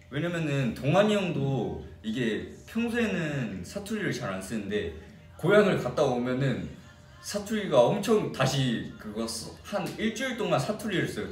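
A young man from Korea's Jeolla region, chatting casually with fans on a livestream and answering their comments. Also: medium pitch. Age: young adult. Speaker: idol singer hosting a fan livestream. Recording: echoey room, distant mic.

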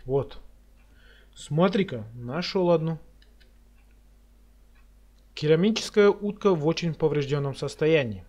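A man's voice: a little high, expressive, a little slow, long pauses, darkish tone. A man giving casual commentary on a horror game playthrough as a scared, jumpy streamer who mutters and swears as he reacts.

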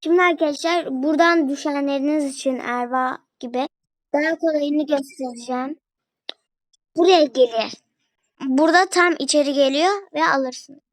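Here a young woman plays a phone game and keeps up chatty, casual commentary for her viewers and a friend, as gaming video creators do. Her voice sits high and moves at a normal speed, captured with no room sound on poor audio.

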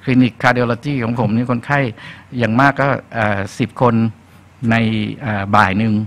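A middle-aged man with a Thai accent, a physician giving a relaxed faculty lecture, hesitating often and dropping in English medical terms. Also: medium pitch, normal speed.

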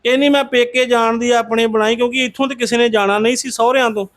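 Male devotional storyteller, very high pitch for a man, conversational retelling, addresses listeners respectfully. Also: fairly even intonation, fast talker, fairly bright tone. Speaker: Sikh religious storyteller.

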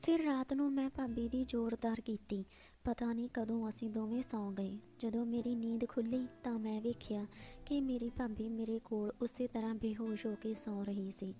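A woman reads a story aloud in a steady, scripted narration. Her voice sits fairly high yet sounds mellow and warm. Soft music plays faintly beneath her. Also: normal speed.

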